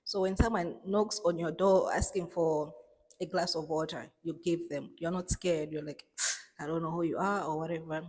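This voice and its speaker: A woman's voice: deep voice, fairly even intonation, normal speed, a little mellow, big-room sound. A young woman from Malawi talking casually to camera, chatty and emphatic, often laughing and repeating words for emphasis. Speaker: vlogger. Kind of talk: casual vlog monologue.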